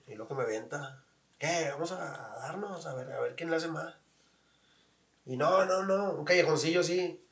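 A man with a higher-pitched voice, chatting casually as host and spinning stories in slang. He sounds a bit distant from the mic, in an echoey room. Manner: storytelling, slangy, acts out voices in his anecdotes. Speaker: podcast host. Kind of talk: casual chat.

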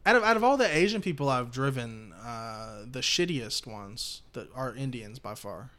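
A man's voice: mid-range voice, animated, normal speed, fairly bright tone. A man co-hosting a podcast, talking in blunt, profane, swaggering casual banter. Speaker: podcast co-host.

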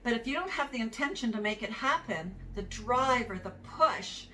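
A woman's voice: on the high side, animated, normal speed, bright, forceful tone. A middle-aged woman talks through advice for running a practice, easy and conversational, chuckling now and then. She sits a little back from the mic. A faint hiss runs behind her voice. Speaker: practice management consultant. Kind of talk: solo advice talk to camera. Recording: somewhat distant mic with faint background noise.

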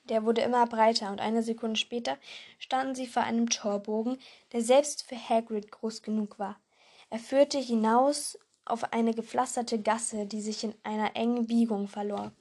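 Woman, storybook reading, slightly high pitch, trips and restarts words. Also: steady tone, moderate pace, darkish tone. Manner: acts character lines, stumbles and restarts words. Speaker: reader. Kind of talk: reading a novel aloud.

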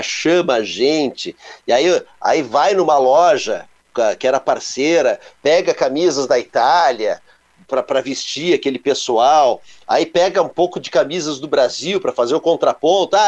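Animated man telling stories. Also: mid-range voice, muffled recording. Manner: animated, onomatopoeic storytelling. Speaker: co-host. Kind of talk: casual storytelling chat.

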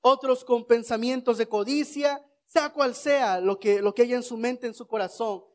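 A man preaching a sermon, asking rhetorical questions and leading the congregation in shouted responses. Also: extremely high pitch, steady tone, moderate pace.

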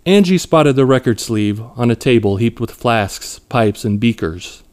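A man narrates his own short story in a measured, even way. His voice is clear and smooth, with a mid-range pitch. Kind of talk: scripted narration.

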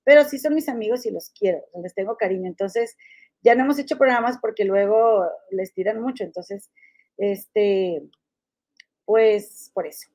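A woman's voice: medium pitch, normal speed, darkish tone. A middle-aged woman from Monterrey with a Monterrey Mexican accent, chatting casually as a gossip podcast host and calling her listeners comadres. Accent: Monterrey Mexican Spanish.

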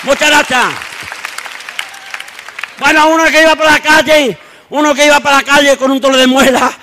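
A man telling jokes on stage as a comedian, animated, acting out his characters' voices. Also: very high voice, normal speed, a faint crowd, a little hiss or hum. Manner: lively storytelling, acts out characters' voices. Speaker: stand-up comedian. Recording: long hall reverb.

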